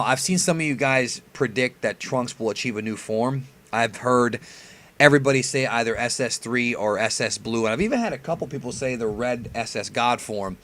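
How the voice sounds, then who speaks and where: This man hosts a reaction video about an anime preview, giving casual fan commentary in informal slang with some mild swearing. His voice is medium in pitch and a bit bright.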